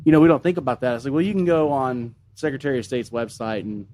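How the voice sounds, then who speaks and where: A man hosting a business podcast, talking in a relaxed, conversational way with lots of "you know" and "um". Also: medium pitch, fast talker, slight background noise. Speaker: podcast host, marketing agency owner. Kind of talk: casual podcast chat.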